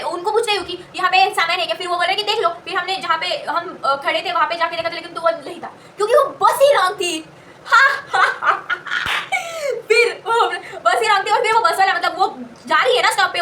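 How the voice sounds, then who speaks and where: A woman's voice: very high-pitched, pushed and bright, far from the mic, a little hiss or hum. A young woman telling a casual story, rambling and correcting herself as she goes. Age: young adult. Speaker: college student telling a story.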